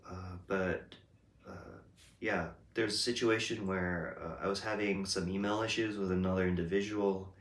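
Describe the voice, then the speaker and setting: Hosting a casual, reflective monologue, a man whose first language is English hesitates often, filling with ums and starting sentences over. He has a low, slightly bright voice with fairly even intonation and a moderate pace, and the room gives an echo.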